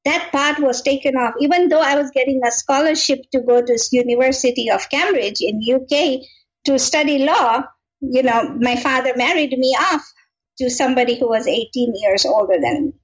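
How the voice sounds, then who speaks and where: High-voiced Kenyan-born woman, reflective. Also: normal speed, poor audio. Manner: earnest, reflective storytelling. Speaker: guest. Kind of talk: interview conversation.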